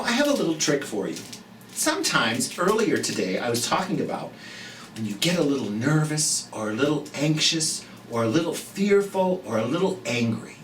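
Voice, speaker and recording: Recorded with a distant mic, light noise and a roomy echo, this clip features a storyteller of unclear gender and medium pitch leading a children's storytime. Theatrical and expressive, they read aloud and chat gently to young viewers, encouraging them directly with drawn-out emphasis.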